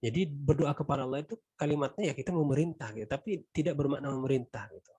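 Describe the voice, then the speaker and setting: Mellow husky Indonesian religious teacher. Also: male voice, on the high side, fast talker, no room sound. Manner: conversational, frequent "gitu kan" tags, trailing softly. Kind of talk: Quran exegesis lesson.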